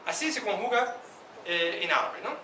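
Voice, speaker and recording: A male teacher with a high, bright voice leads an Arabic class, drilling pronunciation and calling on students. He is picked up from a distance in an echoey classroom with faint background noise. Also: animated. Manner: asks students questions by name, drills pronunciation slowly. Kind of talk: classroom lesson.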